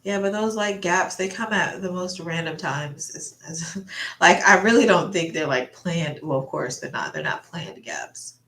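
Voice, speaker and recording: Lady w stuffy nose mouth breathing, lowish voice, rambly casual stream chat, echoey room. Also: lively intonation, unhurried, fairly bright tone. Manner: rambling, thinking aloud. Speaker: artist livestreamer chatting while painting. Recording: roomy, echoey sound.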